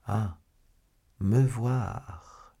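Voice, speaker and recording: A man reading an audiobook, voicing a stern, sardonic English baron in a measured tone. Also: low voice, expressive, darkish tone, husky, heavily acted. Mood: mocking. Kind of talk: audiobook character voice.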